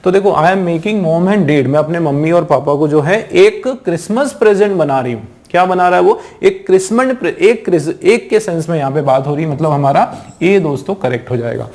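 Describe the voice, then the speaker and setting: A man teaches English grammar in an exam-prep lecture. He explains patiently, often asks his students questions and reads the English examples out slowly. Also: a little high, expressive, darkish tone. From India.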